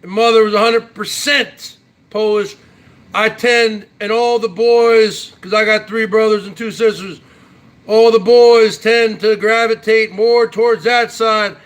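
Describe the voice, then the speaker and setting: Here a YouTube host in his forties chats casually to viewers on his own, sounding brash and boastful and adding "huh?" to his lines. The man's voice is high with little pitch movement and a slightly slow pace, and the audio is poor.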